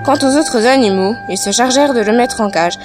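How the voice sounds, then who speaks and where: A girl reading a school storybook aloud as narrator, in a steady read-aloud style. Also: on the high side, brisk, over music.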